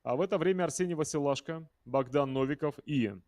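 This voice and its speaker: A man commentates live on a football match. His voice sits a little high. He talks conversationally, addressing the viewers and the players directly as he follows play. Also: brisk, a little mellow.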